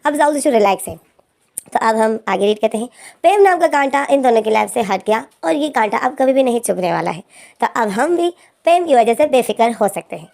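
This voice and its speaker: A woman's voice: on the high side, animated, brisk, vocal fry, a little mellow. A woman with an Indian accent and a sore throat, casually retelling a fan story and speaking its dialogue herself. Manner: retells scenes with quoted dialogue, many fillers. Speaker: fanfiction narrator.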